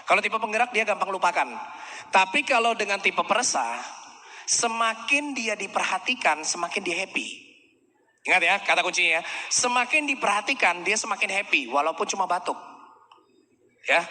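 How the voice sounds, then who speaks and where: A man's voice: high-pitched, brisk, sharp tone, big-room sound, a little hiss or hum. A man giving a sales training seminar, acting out customer dialogues and often asking the audience to agree. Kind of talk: seminar lecture.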